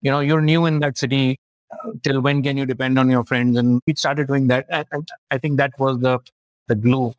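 A man's voice: medium pitch, little pitch movement, normal speed, no echo, rough recording. A man with an Indian accent answering as a founder in a casual interview, telling stories and acting out bits of dialogue. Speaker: startup founder being interviewed.

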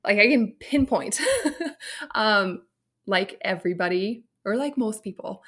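A woman in her late thirties, originally from Romania, talks as a guest on a podcast. She tells her story in an open, reflective way, with a voice of middling pitch. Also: measured pace, fairly bright tone, slightly rough. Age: 30s. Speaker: personal stylist, podcast guest. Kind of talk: casual interview chat.

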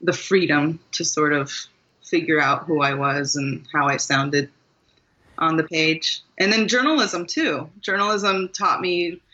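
Speaking low and unhurried with a sharp edge, a Maryland woman, a guest author, thoughtfully recounts her journey into writing in a reflective interview. Small laughs and false starts dot her speech. The audio sounds muffled.

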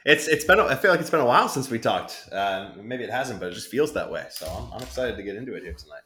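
A man's voice: on the low side, big pitch swings, fast talker, sharp tone, a little hiss or hum. A man co-hosting a podcast in an easygoing, modest, wry way. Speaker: podcast co-host. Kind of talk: casual podcast chat.

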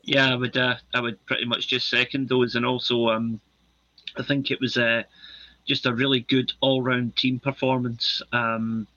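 A man with a bright, tense voice speaks hesitantly, with many fillers, as a panelist in a casual football chat. His delivery is flat. He comes through a dull, lo-fi line. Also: medium pitch, normal speed, no echo.

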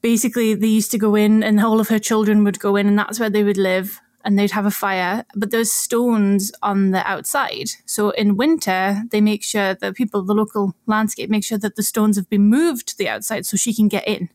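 A woman's voice: mid-range voice, steady tone, moderate pace, few pauses, a little mellow, dry recording, studio quality. A woman co-hosting a podcast, explaining archaeology in a chatty, casual way and laughing often. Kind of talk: casual chat.

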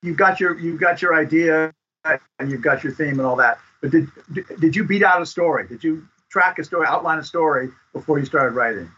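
A man giving advice as a script consultant guest in a casual interview, speaking haltingly and often repeating words. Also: fairly high pitch, sharp tone, slightly rough. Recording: dull lo-fi audio.

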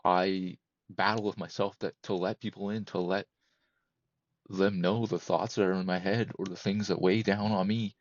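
A man in his thirties, a podcast guest, talking candidly and emotionally in a halting, repetitive way that keeps circling back. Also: low-pitched, little pitch movement, no echo, lo-fi sound. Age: 30s. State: emotional, close to breaking. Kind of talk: candid personal conversation.

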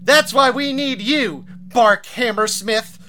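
A man's voice: very high voice, slow pace, sharp tone, slight background noise, pitched above the performer's own voice, full character voice. A man voicing a smug, pompous trillionaire who speaks grandly. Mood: grandiose.

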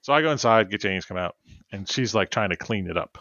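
Gravelly-voiced man telling a rambling story. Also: fairly low pitch, lively intonation, a little fast, bright, forceful tone, dry recording. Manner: rambling storyteller, laughs often. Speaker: podcast co-host. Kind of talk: casual chat. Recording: dull, lo-fi sound.

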